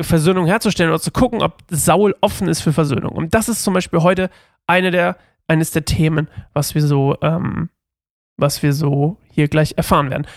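A man reads Scripture aloud and breaks off to chat casually with his listeners, full of fillers and restarts. His voice sits a bit high and has a gravelly rasp. The sound is dry, with no room echo. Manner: loose and chatty, with fillers and restarts; addresses listeners directly. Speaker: Bible reading host. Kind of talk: casual Bible reading with commentary.

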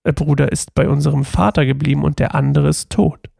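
A man voicing a group of frightened brothers pleading their honesty, read slowly and earnestly in a gravelly voice. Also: fairly high pitch, fairly even intonation, a little mellow, no echo, clean studio sound.

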